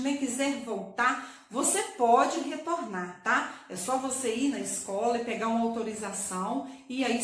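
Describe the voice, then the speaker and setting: A woman teacher giving a recorded class to young pupils, affectionate and checking in with frequent tag questions. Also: a little high. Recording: very echoey room with faint noise.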